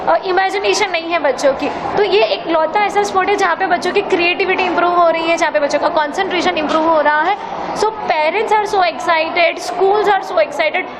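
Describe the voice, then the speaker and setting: Fast, high-voiced woman organizer. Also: a crowd in the background. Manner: fast, mixes Hindi and English. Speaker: event organizer. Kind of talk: on-site news interview. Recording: noisy crowded venue.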